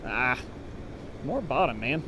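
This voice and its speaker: A man's voice: mid-range voice, very animated, takes it slowly, noisy background. A man explaining fly fishing technique while fishing outdoors, talking casually and thinking aloud. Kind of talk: on-the-water instruction. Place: outdoors at a creek.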